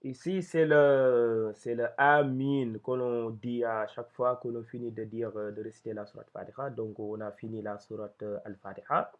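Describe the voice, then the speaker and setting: A man's voice: medium pitch, fairly even intonation. A man teaching Arabic reading step by step, patient and spelling out syllables one at a time. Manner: slow and patient, with many restarts and syllable-by-syllable spelling. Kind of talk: step-by-step lesson. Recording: tinny phone-like sound.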